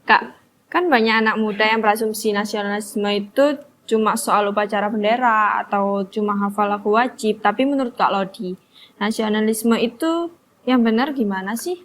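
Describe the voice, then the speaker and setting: A young woman hosting an interview, asking lively, curious questions in a casual, friendly way. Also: mid-range voice, moderate pace, a little hiss or hum. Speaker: interview host.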